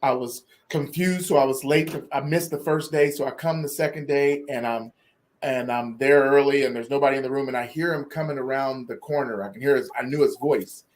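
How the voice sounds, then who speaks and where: A man being interviewed, telling stories in an animated way, often repeating words and acting out what others said. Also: medium pitch, a little fast. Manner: animated storyteller, repeats words, acts out quotes. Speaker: guest speaker. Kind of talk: interview storytelling.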